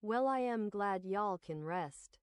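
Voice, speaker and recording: A woman hosts a casual livestream in a middle-pitched voice. She speaks in short greetings and remarks to her chat. The sound is dry, with no room echo. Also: lively intonation, takes it slowly, clear, resonant tone. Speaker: livestream host.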